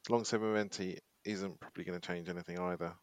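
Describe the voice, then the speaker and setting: A man's voice: low-pitched, fairly even intonation, fast talker, clean tone, dry recording. A man co-hosting a podcast, chatting casually and rambling with hesitations. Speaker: podcast co-host. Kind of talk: casual chat.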